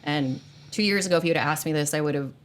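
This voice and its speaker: A woman's voice: low-pitched, fast talker. A woman hosting a casual group discussion, speaking earnestly and acting out the people she quotes. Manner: earnest, animated, acts out quoted speech.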